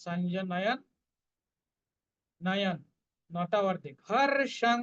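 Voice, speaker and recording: A recitation teacher, explaining pronunciation syllable by syllable and chanting the verses in slow, drawn-out tones. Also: medium pitch, steady tone, lo-fi sound. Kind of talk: online class teaching Sanskrit verse pronunciation.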